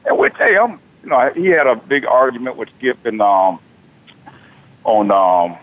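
A sports talk radio host in his forties speaks casually and animatedly, frequently repeating himself. His medium-pitched voice swings widely in pitch and runs a little slow, heard through tinny, phone-like radio audio.

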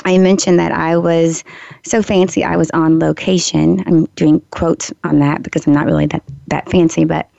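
A hoarse, gravelly woman radio host, still recovering from a lost voice, talks casually to listeners in a low, steady tone at normal speed. She's chatty with warm asides, frequent ums and restarts, heard on a slightly dull lo-fi radio recording with no room sound.

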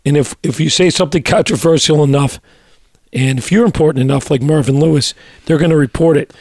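Hoarse middle-aged man, dry sound. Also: a little high, darkish tone, dry recording. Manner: measured, with frequent fillers and restarts. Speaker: co-host, doctor. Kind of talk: sports radio talk.

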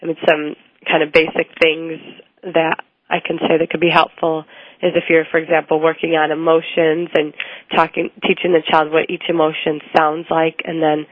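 A woman speech therapist explains her methods in a very low, level voice that hardly rises or falls. She talks through her points with plenty of ums and restarts. The sound is thin and phone-like, dry with no room echo. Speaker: speech language pathologist guest. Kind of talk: interview answers. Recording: tinny phone-like line, dry.

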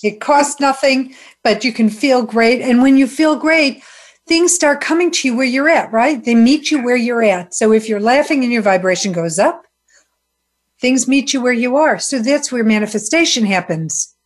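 A woman's voice: on the high side, normal speed. A woman hosting an interview, chatting in an upbeat, agreeable way. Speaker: interview host. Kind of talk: casual interview chat.

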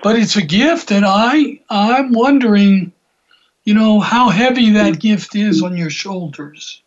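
Unhurried host with a muffled, lo-fi sound. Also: medium pitch. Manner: affirming, reflecting the guest's story back. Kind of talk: supportive interview questions. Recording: dull lo-fi sound.

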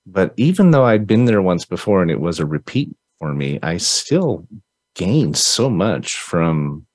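A male host with a very low voice talks in a rambling, effusive way, often restarting his sentences. The sound is dry and close, with no room around it. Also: sing-song, measured pace, darkish tone, breathy edge, no echo. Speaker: podcast host. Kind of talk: casual interview.

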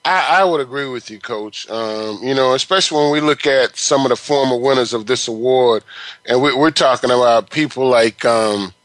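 A man co-hosting a casual sports talk chat, halting and repeating words as he builds his opinions. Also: mid-range voice, fairly bright tone, dry recording, rough recording.

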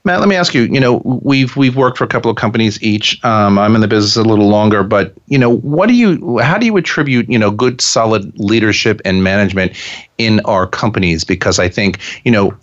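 A man's voice: on the low side, animated, brisk. A man hosting a casual radio interview, rambling with many fillers and restarts. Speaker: radio show host. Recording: muffled lo-fi radio audio.

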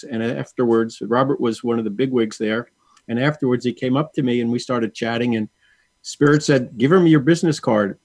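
A man's voice: mid-range voice, a little mellow, no echo. A male guest in an interview, speaking earnestly and repeating words for emphasis. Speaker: guest, angel communicator. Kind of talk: interview chat, storytelling.

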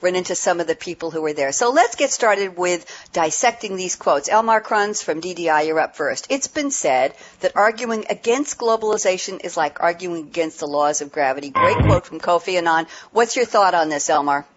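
A woman's voice: fairly low pitch, lively intonation, moderate pace, few pauses. Chatty woman hosting a radio panel. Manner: chatty and upbeat, reads guest bios. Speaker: radio show host. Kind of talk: hosting a call-in panel show. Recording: dull lo-fi sound.

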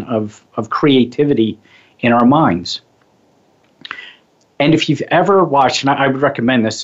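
A man hosting a radio show on hypnosis and mindfulness, talking casually in a rambling way and often correcting himself. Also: mid-range voice. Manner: rambling, self-correcting, chatty. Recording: slightly muffled lo-fi audio.

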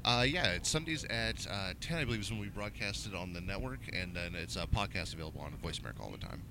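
A man's voice: sits low, animated, fast talker, background noise. A man, the show's audio engineer, answering modestly and briefly. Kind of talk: casual radio talk.

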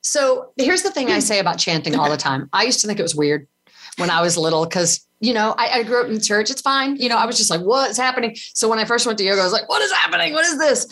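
A woman guest, a yoga teacher, talking in an effusive, animated way and laughing often during a casual interview. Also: mid-range voice, fast.

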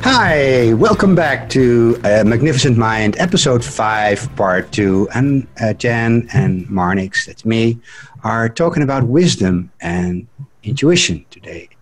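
A man co-hosting a talk radio show about the mind, thinking out loud in a loose, halting way. He repeats little words as he goes, with a mid-range voice and an easy, unpolished delivery. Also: medium pitch, lively intonation, faint music behind. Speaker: co-host.

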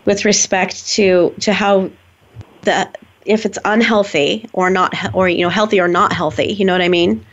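A woman's voice: mid-range voice, fairly even intonation, normal speed. Woman podcast host, mid-range voice, reflective and agreeable, slightly dull sound. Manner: affirming, reflective, frequent "right" and "exactly". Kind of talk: casual podcast conversation.

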